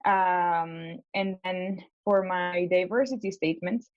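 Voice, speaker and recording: A woman's voice: on the low side, takes it slowly, dry recording. Young woman from Spain on a dull video call. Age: young adult. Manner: hesitant, many fillers and restarts. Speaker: law school applicant. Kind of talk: coaching call, casual.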